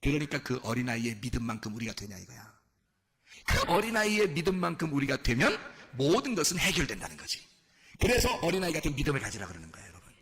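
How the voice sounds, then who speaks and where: A male pastor preaching a sermon and leading a shouted healing prayer with fervent intensity. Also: medium pitch, big pitch swings, quick pace. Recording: loud music behind the voice. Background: loud church music.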